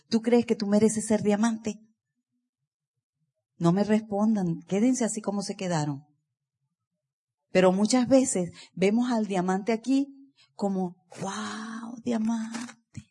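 A woman giving an energetic motivational speech to a live seminar audience, asking listeners direct questions. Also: medium pitch, long reverb tail. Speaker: motivational speaker at a business seminar.

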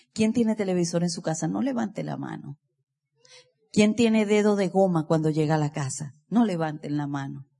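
A woman giving an energetic motivational speech to a live seminar audience, asking listeners direct questions. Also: medium pitch, gravelly, big-room sound. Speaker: motivational speaker at a business seminar.

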